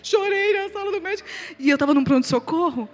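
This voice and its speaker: Animated high-voiced Brazilian woman preacher. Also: fast. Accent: Brazilian Portuguese. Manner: animated storyteller, swings loud and soft, laughs along. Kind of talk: testimony to a live audience.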